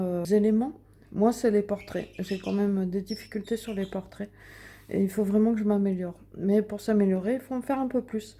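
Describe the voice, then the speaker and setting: A young woman talks through her coloring projects at home in a relaxed vlog. Her voice is mellow and soft-edged, at an ordinary pitch for a woman. She rambles a little, stopping and restarting with plenty of fillers. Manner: chatty, hesitant, many fillers and restarts. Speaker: coloring vlogger. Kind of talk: casual show-and-tell vlog. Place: at home in front of a window.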